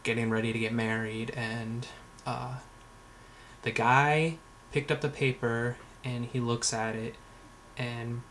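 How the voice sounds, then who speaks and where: A man's voice: mid-range voice, fairly even intonation, slow pace, a bit bright, a little hiss or hum. A young man telling a story in a casual vlog, sarcastic and rambling, full of fillers and swearing. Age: young adult. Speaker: vlogger.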